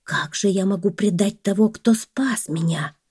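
A whispering snake, sly and persuasive, that speaks in soft hushed tones, as a woman narrator puts it on. It bargains quietly, its voice set dry and close with no room around it. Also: mid-range voice, a little slow, slightly rough, no room sound. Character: scheming male snake, hissing and persuasive.

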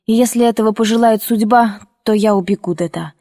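A woman's voice: on the high side, brisk, warm tone, dry recording, clean studio sound, close to an everyday voice. A woman voicing a proud, hurt young girl who speaks earnestly and tearfully.

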